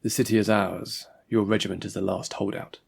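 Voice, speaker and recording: A man's voice: on the low side, little pitch movement, brisk, creaky, breathy edge, full character voice. A man reading the part of a defiant rebel swordsman in an audiobook story, speaking firmly and accusingly.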